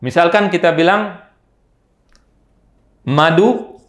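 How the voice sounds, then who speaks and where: A man's voice: high voice, slow pace. Man, religious lecture, asks questions and answers them, echoey room. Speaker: Islamic teacher. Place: mosque office study hall.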